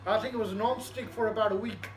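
A man's voice: sits high, steady tone, fast talker. Echoey Punjabi-accented man chatting in his kitchen. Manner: rambling, jokey, mixing languages. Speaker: home cook vlogger. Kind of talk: casual chatty cooking vlog. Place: small home kitchen, indoors. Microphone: camera at about arm's length to a metre.

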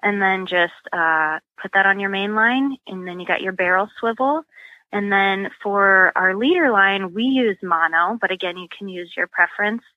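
A woman's voice: medium pitch, normal speed, no room sound. Lady explaining catfish gear, lots of um and you know, kinda muffled dry sound. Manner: chatty, practical, many fillers like um and you know. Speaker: guest, sponsored catfish angler. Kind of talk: casual interview explanation.

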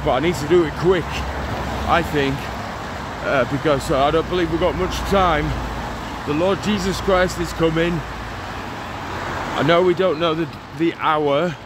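A street evangelist in his forties records a walk-and-talk preaching vlog outdoors in the rain, phone held out at arm's length. His voice sits slightly high for a man, and his earnest, urgent sermon keeps returning to the same points. Clear traffic noise runs in the background.

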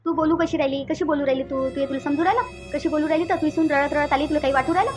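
A woman's voice: high voice, steady tone, rapid-fire, soft background music, natural voice. A woman voicing a stern, scolding mother-in-law with a Varhadi Marathi accent. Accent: Vidarbha Marathi (Varhadi). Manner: scolding, demanding. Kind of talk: cartoon voice acting.

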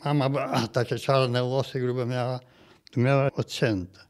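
An interviewee in his eighties from Volhynia, a massacre survivor, recounts his personal testimony in a plain, halting manner, often ending phrases with a quick "nie?". His voice is medium in pitch, a little mellow, and flat in delivery.

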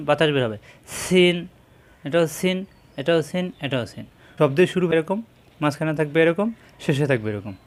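Slow, repetitive male Quran teacher. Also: on the high side. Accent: Bangladeshi Bengali. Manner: drills each syllable slowly and repeats it. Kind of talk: slow, deliberate letter-by-letter lesson.

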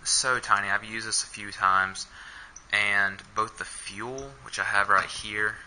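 A young man films himself in a small room with a head-mounted camera, hesitantly showing off his camping gear and filling gaps with ums and uhs. He speaks at a measured pace in a fairly even, lowish voice that sounds pushed and bright. It's a rough recording with a little background noise.

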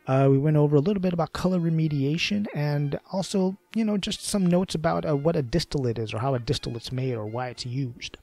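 A man hosting a podcast, talking casually with fillers and repeated words, a little hoarse. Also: fairly high pitch, fairly quick, few pauses, dark tone, soft background music. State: losing his voice. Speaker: podcast host.

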